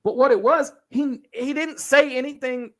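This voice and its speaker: A man's voice: extremely high pitch, moderate pace, fairly bright tone. A man hosting a casual sports talk show, speaking in an opinionated, emphatic way. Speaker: sports podcast host.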